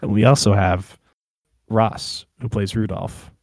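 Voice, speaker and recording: A man's voice: on the low side, steady tone, a little mellow, no room sound, clean studio sound. A man hosting a casual podcast, introducing players with loose, swearing jokes. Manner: slow, loose, swearing, joking. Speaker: podcast host.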